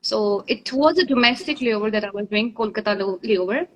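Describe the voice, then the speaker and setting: A woman's voice: medium pitch, a little fast, a little hiss or hum, low-quality recording. A woman, an aviation trainer chatting as a guest on a live stream, often laughing as she tells stories. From India. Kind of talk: casual live-stream chat.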